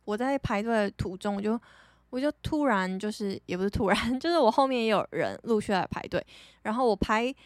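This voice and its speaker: A young woman from Taiwan with a Taiwanese Mandarin accent, hosting a podcast and telling stories casually, chatty and animated, laughing often. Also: mid-range voice, brisk, dry recording, clean studio sound. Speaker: podcast host. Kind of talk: casual storytelling monologue.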